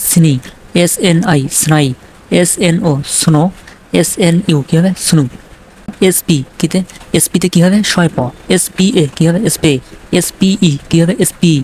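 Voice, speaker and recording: A man's voice: sits high, a little mellow. A man teaching an English reading lesson in a slightly raised voice. He drills each letter pair patiently and repeats himself often. A faint hiss sits under the recording. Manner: slow, repetitive drilling.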